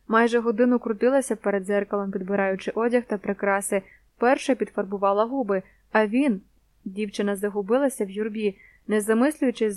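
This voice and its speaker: A woman reading a young-adult novel aloud as an expressive, steady audiobook narrator on a close mic. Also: mid-range voice, no echo.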